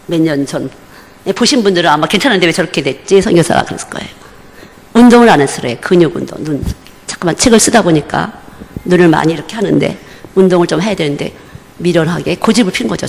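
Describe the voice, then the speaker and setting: A woman missionary preaching a sermon at a church service, with emphatic, repeated short phrases. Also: on the low side. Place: church during a Wednesday service. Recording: reverberant church hall.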